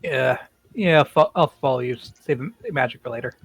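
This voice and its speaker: Man, tabletop player, easygoing, tentative, mid pitch, dry close mic. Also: moderate pace, no room sound, soft background music. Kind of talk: casual tabletop chat.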